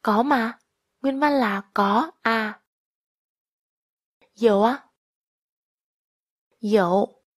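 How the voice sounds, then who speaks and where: A woman teaching a listen-and-repeat language lesson, patiently saying each phrase twice. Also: on the high side.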